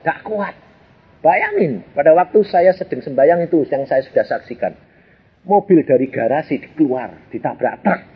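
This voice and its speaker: Husky older Javanese-accented preacher. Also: male voice, fairly high pitch, lo-fi sound. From Central Java, Indonesia. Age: 80s. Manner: animated, chuckling, acts out the people in his stories. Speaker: evangelist preacher. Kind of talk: storytelling sermon.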